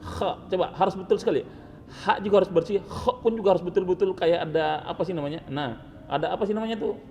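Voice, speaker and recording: A man with a high, mellow voice coaches students in Quran recitation at a quick pace, correcting their pronunciation and demonstrating sounds over and over with a teasing edge. Hall reverb and faint ambient noise fill the recording.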